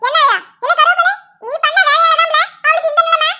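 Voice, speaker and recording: Woman putting on a sharp-tongued old granny. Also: very high voice, fairly even intonation, fast, soft background music, voice pushed up, heavily acted. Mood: scolding. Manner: teasing, sharp-tongued scolding. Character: blunt scolding old village grandmother. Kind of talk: cartoon voice acting.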